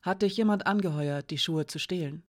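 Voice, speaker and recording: A woman playing a careful, level-headed young woman from a storybook, in a low, quiet voice. She speaks slowly and gently. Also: lightly acted.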